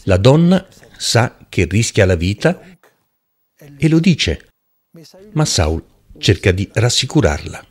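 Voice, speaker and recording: A man preaching a Bible-teaching sermon in an emphatic, deliberate, rhetorical way. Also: fairly low pitch, big pitch swings, husky.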